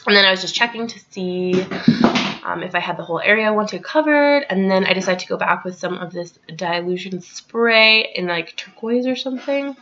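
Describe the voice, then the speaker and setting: A woman's voice: mid-range voice, moderate pace, pushed and bright, lo-fi sound, a little hiss or hum. A young woman chatting casually over her scrapbooking, rambling with lots of ums and likes. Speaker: crafting vlogger.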